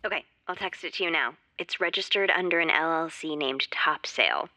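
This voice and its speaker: A woman's voice: low-pitched, moderate pace, pushed and bright, no room sound. A woman playing an eager, chatty amateur investigator in naturalistic audio drama dialogue, emphatic and conversational. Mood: businesslike, upbeat.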